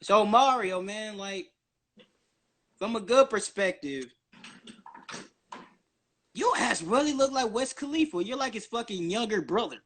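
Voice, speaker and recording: Appearing as a guest on a social media livestream, a man in his early twenties rambles on nonstop in a high, expressive, slightly bright voice. He's unhurried and pauses often, and his talk is slangy and full of profanity.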